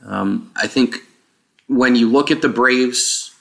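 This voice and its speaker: A man's voice: medium pitch, takes it slowly, vocal fry, a bit bright. A man hosting a sports podcast, talking casually and emphatically, repeating himself for weight, with a hollow, echoey sound as from another room. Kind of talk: casual solo sports commentary. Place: a different room than usual, mid-move. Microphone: microphone on wrong setting.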